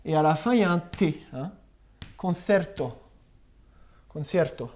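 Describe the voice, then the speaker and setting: Patient schoolteacher, a woman, spelling words out slowly for children; low, mellow and animated. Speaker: primary school teacher. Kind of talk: recorded remote spelling and grammar lesson.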